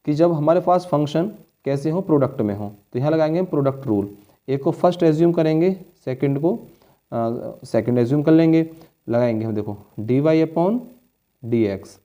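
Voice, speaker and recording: A man's mellow voice, pitched fairly high, moves at a normal speed through a board-exam maths lesson. He patiently explains each step and regularly checks on his students, whom he calls children.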